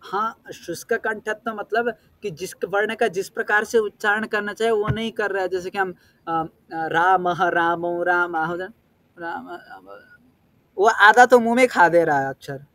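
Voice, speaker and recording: High-voiced male teacher, patient and clear. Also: a bit bright, dry recording. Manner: patient, checks understanding with questions; recites verse terms slowly and deliberately. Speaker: Sanskrit teacher. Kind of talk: explanatory lesson.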